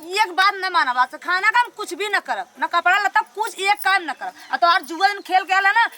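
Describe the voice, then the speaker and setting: A woman's voice: lively intonation, moderate pace, bright, forceful tone, slight background noise, full character voice. A woman with an Awadhi accent playing an exasperated village wife who nags and scolds in a comedy skit. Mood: furious. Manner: shrill, nagging, combative complaining.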